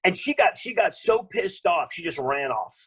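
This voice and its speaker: A man with a husky voice tells his stories with blunt, profane force. His pitch leaps high and drops low as he gets worked up. He talks in the loose way of a casual podcast chat. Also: moderate pace. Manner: profane, blunt, animated storyteller. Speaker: comedian guest.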